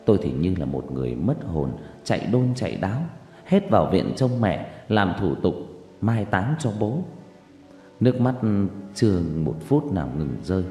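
Mournful low-voiced male storyteller. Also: big pitch swings, normal speed, warm tone, faint music behind. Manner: mournful, dramatic. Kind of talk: emotional first-person story narration. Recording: echoey long reverb.

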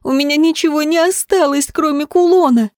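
A woman voicing a frightened, desperate young woman who pleads and breaks into shouts, in an audiobook reading. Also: medium pitch, lively intonation, unhurried, dry recording, clean studio sound, close to an everyday voice. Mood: anguished.

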